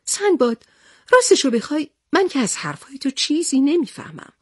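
A woman's voice: high voice, big pitch swings, no room sound, studio quality, voice pushed up. A woman voicing a blunt male strongman hero from a children's tale.

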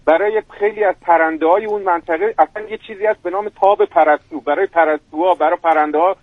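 A man with a thick Birjandi accent speaks over a tinny phone line in a high voice. He sounds formal, courteous and eager to explain. The sound is dry and close. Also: no echo. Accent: Birjandi Persian. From Birjand, Iran. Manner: formal, polite, enthusiastic explainer. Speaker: guest expert, university lecturer. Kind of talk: radio talk by phone.

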